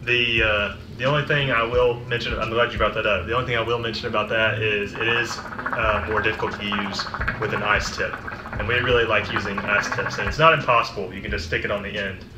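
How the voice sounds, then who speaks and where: A man's voice: on the low side, fairly even intonation, brisk, background noise. A man giving a casual, conversational product review. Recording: roomy echo, music behind. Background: music.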